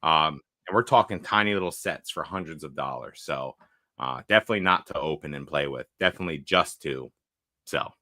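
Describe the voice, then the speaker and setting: A young man with a low, bright-edged voice hosts a casual livestream podcast, loudly joking and shouting out viewers in the chat. His sound is dry and close on a desk streaming mic. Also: fairly quick, dry recording. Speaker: podcast co-host.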